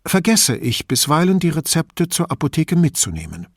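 A man voicing a frail, chatty old widow who rambles and confides in a hushed tone. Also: very animated, normal speed, slightly rough, no echo, clean studio sound, full character voice. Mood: confiding. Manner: rambling, confidential, lowers voice to a whisper.

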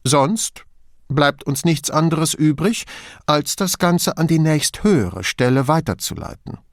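A timid, pedantic male bureaucrat on the phone, put on by a male audiobook reader. His voice sits noticeably higher than the reader's own and is dry and close. He sounds fussy and submissive. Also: animated, a little slow, dry recording. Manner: pedantic, submissive, raised pitch.

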